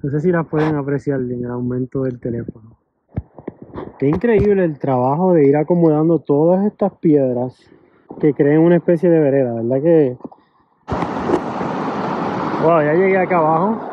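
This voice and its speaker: Pitched on the high side, this man speaks at normal speed with frequent pauses. He's a travel vlogger narrating in a chatty, casual way into a handheld camera while walking, mostly outdoors on mountain hiking trails. The outdoor handheld audio sounds dull and noisy.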